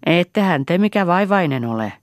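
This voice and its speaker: Close and dry, a woman reading as a brash young man in a storybook, pitched well above her usual reading voice. He shouts and teases, loud and sure of himself. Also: expressive, no echo, close to an everyday voice. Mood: cocky. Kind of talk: audiobook reading.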